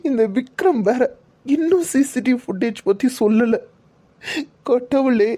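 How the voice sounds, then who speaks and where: A woman's voice: a little high, animated, measured pace, heavy background noise. A woman voicing a frantic, heartbroken young husband who pleads emotionally for his missing wife. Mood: pleading.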